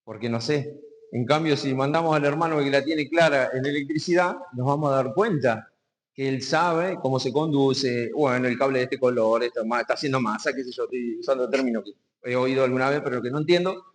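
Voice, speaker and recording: A man from Argentina with a Rioplatense accent, preaching a sermon to his congregation, asking them questions, and reading verses slowly with emphasis before explaining key words. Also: mid-range voice. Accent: Rioplatense Spanish. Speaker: pastor. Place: community hall. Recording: long hall reverb.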